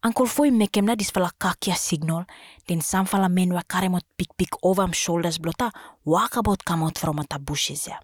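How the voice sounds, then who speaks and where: A woman's voice: lowish voice, a little fast, no room sound, studio quality. A woman with a Solomon Islands accent narrating a storybook expressively in Solomon Islands Pidgin.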